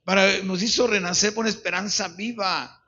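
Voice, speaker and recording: A man's voice: high-pitched, fairly even intonation, brisk, pushed and bright, husky. A middle-aged man with a Mexican accent, a pastor preaching a sermon with personal testimony, earnest and repeating words, often saying amen. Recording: dull lo-fi recording.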